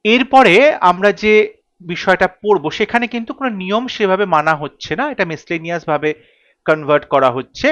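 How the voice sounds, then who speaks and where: A man teaching English grammar, reading word pairs in a steady drill and often checking in with his students. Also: high-pitched, fairly quick, no room sound, muffled recording. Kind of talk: classroom grammar lesson.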